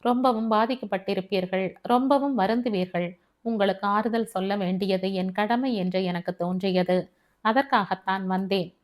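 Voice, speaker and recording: Woman reading sincere male friend, gentle reasoning, medium pitch, storybook dialogue. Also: normal speed, natural voice. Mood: earnest. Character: man friend offering comfort, earnest.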